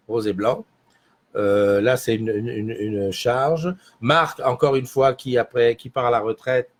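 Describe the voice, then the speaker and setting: A man hosting a casual morning livestream from a small studio, rambling and answering viewer comments as he reads them. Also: medium pitch. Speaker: livestream host.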